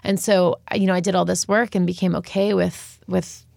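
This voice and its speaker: Earnest, gravelly-voiced woman in her thirties. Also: on the low side, little pitch movement, normal speed, darkish tone, dry recording, studio quality. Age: 30s. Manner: earnest, candid and reflective. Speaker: podcast guest, food business founder. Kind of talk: casual interview chat.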